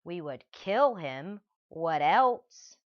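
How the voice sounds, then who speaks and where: A blustering male thug sidekick, as a woman puts him on, loud and swaggering, with a voice that jumps up high. The storybook reading is on a dull, lo-fi recording. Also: sing-song, very slow, heavily acted. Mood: boastful. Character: adult male sneak thief, brutish sidekick.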